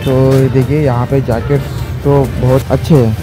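A man's voice: mid-range voice, flat delivery, normal speed, music in the background. A young man from India walking a busy market, chatting to viewers and pointing things out, filmed on a handheld camera. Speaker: travel vlogger. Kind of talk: walking-tour vlog. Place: busy outdoor and covered market. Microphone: handheld camera at arm's length.

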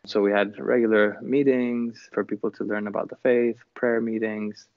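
A man who grew up in Chile, calmly and earnestly answering interview questions about his upbringing. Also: fairly low pitch, normal speed, dry recording. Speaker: musician guest. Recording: dull lo-fi dry sound.

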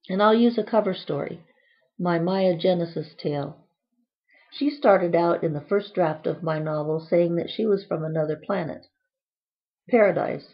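A woman reads from her own book with a playful, whimsical lilt and plenty of quirky asides. Her voice sits on the low side for a woman. The recording is dull and lo-fi.

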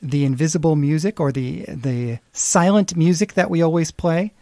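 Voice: mid-range voice, normal speed, dark tone, no room sound. Playful podcast co-host, dry sound. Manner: playful, encouraging, hums game-show jingles. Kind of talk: casual phone conversation.

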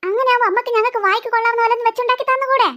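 A woman's voice: very high-pitched, fairly even intonation, racing, bright, forceful tone. A woman voicing hungry cartoon children who whine and complain sarcastically about their food. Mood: sarcastic. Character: hungry, whiny cartoon children, sassy and teasing. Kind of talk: cartoon voice acting.

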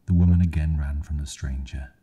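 A man reading spooky bedtime stories softly as an ASMR storyteller. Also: extremely low pitch, steady tone, brisk, husky, dull audio.

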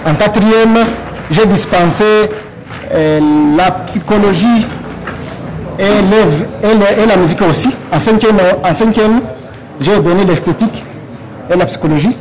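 Young man from Congo, high voice, halting campaign speech at a stand mic in a large hall. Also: darkish tone, slight background noise. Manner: halting, with many fillers and restarts. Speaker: candidate for youth leadership. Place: large plain hall, indoors.

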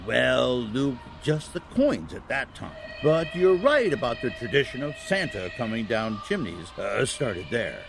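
Man playing kindly old Santa Claus, gravelly and animated. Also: mid-range voice, over music. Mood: jovial storytelling. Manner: gently halting, chuckling storyteller. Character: kindly, patient old Saint Nicholas as Santa. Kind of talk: family audio drama acting.

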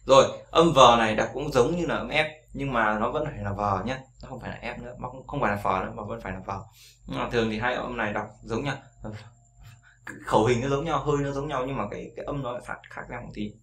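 A man's voice: mid-range voice, quick pace, fairly bright tone, slight background noise. A man teaching English pronunciation in a casual tutorial, repeating each sound over and over with frequent fillers.

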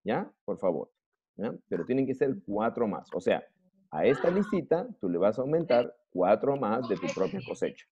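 A man teaching an English class online in Peruvian Spanish, patient and drilling words slowly. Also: on the low side, sing-song, warm tone, highs cut off, a little hiss or hum.

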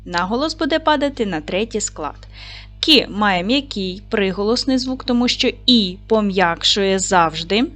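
Lively, encouraging woman teacher. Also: mid-range voice, a little slow, soft background music. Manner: clear, encouraging classroom delivery. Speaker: primary school teacher. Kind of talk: recorded video lesson for children.

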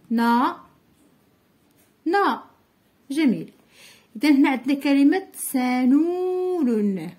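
A woman with a Moroccan Arabic accent teaching young children to write letters, patient and slowly stretching out syllables for them to repeat. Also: on the high side. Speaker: primary school teacher. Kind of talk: children's handwriting lesson.

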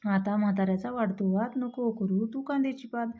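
A woman voicing a gentle, joking old grandfather who speaks in reassuring, playful rhymes. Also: on the high side, brisk, phone-quality sound, a little hiss or hum, lightly acted.

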